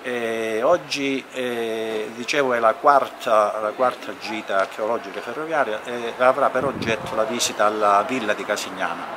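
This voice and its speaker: A man's voice: fairly low pitch, moderate pace, hardly any pauses. A man in his sixties giving an unscripted spoken statement outdoors, hesitantly searching for words and repeating himself. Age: 60s. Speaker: promoter of rail trips, spokesman. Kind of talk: unscripted on-camera interview statement. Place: outdoors at a railway station entrance. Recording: faint outdoor station background noise.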